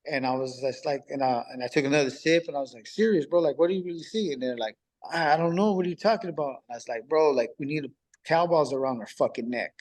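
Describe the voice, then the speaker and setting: A man recounting his own story as a podcast guest, in loose, casual street talk. He acts out old conversations line by line and often repeats himself for weight. His pitch sits in an ordinary middle range. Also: fast talker. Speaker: podcast guest recently released on parole. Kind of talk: telling a personal story in conversation.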